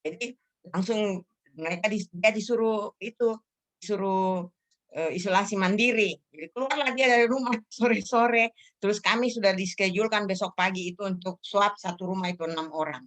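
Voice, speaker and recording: A woman's voice: medium pitch, normal speed, fairly bright tone. A middle-aged woman tells her church testimony in a loose, heartfelt way. She rambles, stops to search for words and starts her sentences over. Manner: emotional, rambling with frequent fillers and self-corrections. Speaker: church member sharing a testimony. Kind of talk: casual spoken testimony.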